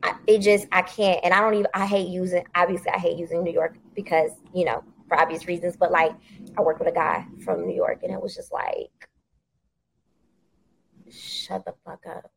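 A woman guest on a podcast, chatting casually in a blunt, animated and profane way. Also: lowish voice, quick pace, gravelly, slight background noise, low-quality recording. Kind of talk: casual chat.

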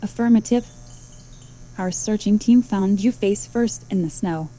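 A formal, blunt female robot, played by a woman in an audio drama. Her tone is very bright and sharp, with a mid-range pitch. She keeps a clipped, courteous manner that slides into dry sarcasm. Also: a little slow, natural voice.

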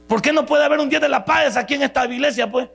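A man with a Salvadoran accent, a pastor preaching a sermon in a church, telling a story with quoted dialogue and rising into shouts. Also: very high-pitched, fast talker, vocal fry. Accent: Salvadoran Spanish. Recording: mains hum behind the voice.

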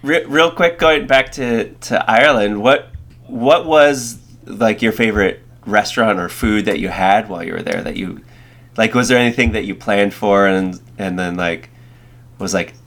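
A man's voice: lowish voice, normal speed, fairly bright tone. A man chatting and asking questions casually as a podcast co-host. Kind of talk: casual interview chat.

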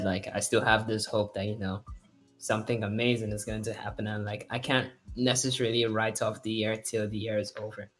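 A man's voice: fairly low pitch, fairly bright tone. A young man co-hosting a podcast, talking in an upbeat, hopeful way. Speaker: podcast co-host. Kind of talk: casual chat.

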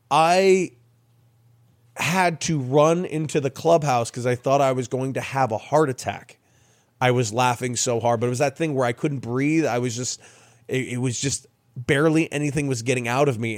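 A young man spins a funny story in a lively, chatty way, laughing and acting out other people's lines as he goes. His voice sits at an ordinary middle pitch, and the sound is dry and close, with no room echo. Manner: lively, laughing storyteller who acts out quotes. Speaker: guest, professional baseball player. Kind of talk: casual storytelling.

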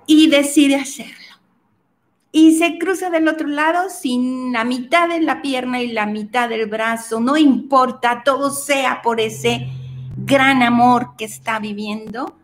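A woman with a high voice tells a fable in an expressive way. She speaks straight to her listeners and turns the tale into a lesson about life. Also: takes it slowly. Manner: expressive, addresses listeners directly. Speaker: speaker, storyteller. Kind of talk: storytelling with a moral lesson.

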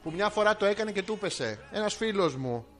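A man's voice: sits high, expressive. A man co-hosting a podcast in casual banter, teasing his partner and swearing freely. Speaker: podcast co-host. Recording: music playing underneath.

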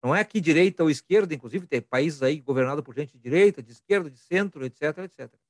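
A man's voice: on the high side, expressive, fast talker, no room sound. A man in a casual podcast chat, arguing firmly and repeating his points for emphasis. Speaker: podcast co-host.

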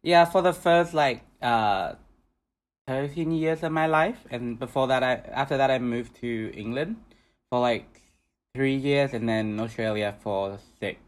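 A man's voice: mid-range voice, measured pace. A young man from Vietnam who performs drag, speaking as a guest in casual chat, joking and loose with lots of fillers.

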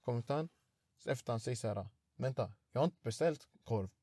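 Young man telling a lively story. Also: medium pitch, husky, no room sound, clean studio sound. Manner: animated storytelling, acts out quotes, slangy street talk. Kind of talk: casual chat.

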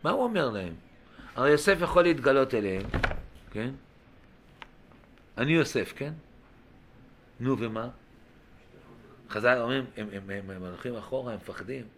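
A man giving an emotional sermon, moving between quiet reflection and loud exclamations, retelling speeches and asking rhetorical questions. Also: medium pitch, expressive, long pauses, a little hiss or hum. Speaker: rabbi giving a Torah talk.

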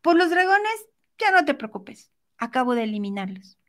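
A woman's voice: high-pitched, sing-song, moderate pace. A woman voicing a young princess stuck in a tower, calling out insistently in a storytelling talk. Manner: shouting, insistent.

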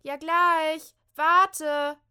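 Woman doing a cranky impatient storybook character, high and shrill. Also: flat delivery, drawn-out words, sharp tone, full character voice. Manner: snappish, exasperated. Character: impatient grumbling housemate Kim. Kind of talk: storybook reading.

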